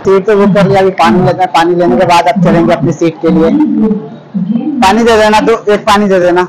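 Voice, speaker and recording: A man's voice: high voice, fairly even intonation, brisk, background noise. A young man filming a travel vlog on a handheld camera, chatting straight to the lens inside a packed train carriage. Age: young adult. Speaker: travel vlogger. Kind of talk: casual vlog narration. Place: packed train carriage and busy station platform. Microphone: action camera held at arm's length. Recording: handheld camera in a loud crowd. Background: crowd chatter.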